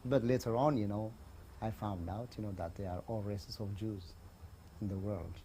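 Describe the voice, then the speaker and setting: A man from Ethiopia, a musician speaking in an interview in a relaxed, musing way. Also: on the low side, moderate pace, a little hiss or hum. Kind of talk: interview, then singing. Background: guitar music.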